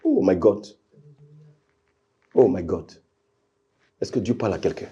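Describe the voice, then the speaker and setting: A middle-aged man preaching a sermon with passion, repeating phrases, dropping to low asides and climbing to high shouted refrains while calling out to his congregation. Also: sing-song, a little slow, lo-fi sound. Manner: addresses the congregation directly with call-and-response.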